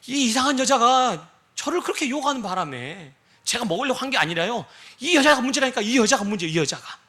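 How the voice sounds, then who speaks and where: A man's voice: extremely high pitch, big pitch swings, quick pace, pushed and bright, husky, heavily acted. A man preaching who briefly speaks as the biblical first man, making whiny excuses and shifting the blame. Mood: blaming.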